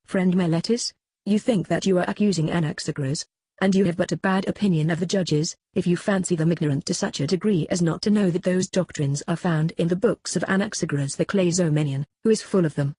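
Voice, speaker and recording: A reader voicing an aged philosopher on trial, cross-examining his accuser in a measured, questioning way in a dramatic reading. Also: mid-range voice, warm tone, breathy edge, no echo, natural voice. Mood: probing. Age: older. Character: aged male philosopher on trial, probing, ironic. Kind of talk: dramatic reading of a classical dialogue.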